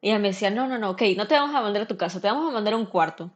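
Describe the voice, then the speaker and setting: A young woman, a podcast guest and first-time mother, telling a story in a casual, lively way and acting out what other people said. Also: medium pitch, racing, highs cut off. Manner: lively, acts out the dialogue of others.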